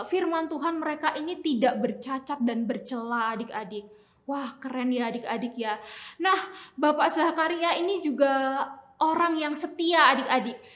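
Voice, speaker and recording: Young woman, high voice, kids church lesson, keeps asking the kids stuff. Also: fairly bright tone. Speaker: children's church teacher. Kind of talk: children's sermon.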